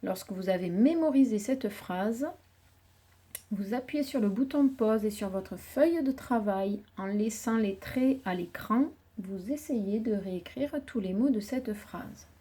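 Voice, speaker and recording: Lady teacher doing dictation for little kids, super slow, says each syllable, soft mellow voice. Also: mid-range voice, husky. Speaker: primary school teacher. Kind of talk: slow dictation lesson for young children.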